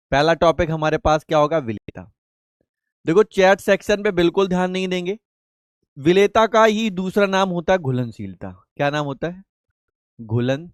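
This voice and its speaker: A male chemistry teacher with a smooth, fairly high voice and no room sound delivers a live online class lecture. He asks questions and answers them himself, affectionately calling his students pet names like beta and babu.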